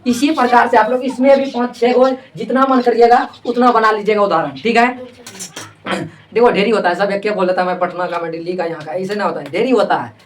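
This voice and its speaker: A woman's voice: mid-range voice, brisk, slight background noise. A woman teacher leading a classroom grammar lesson, asking questions over and over and having pupils repeat answers. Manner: repetitive call-and-response questioning. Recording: voice distant from the mic.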